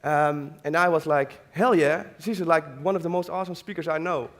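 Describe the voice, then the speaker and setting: A man's voice: on the high side, steady tone, moderate pace. A man hosting a conference who introduces the next speaker in a casual, enthusiastic, rambling way. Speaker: conference host. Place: conference hall.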